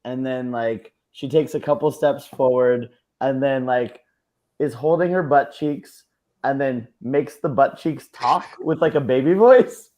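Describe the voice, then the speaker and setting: A man's voice: medium pitch, measured pace, a little mellow. A man co-hosting a casual comedy podcast, playful and chuckling as he tells a bit. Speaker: podcast co-host.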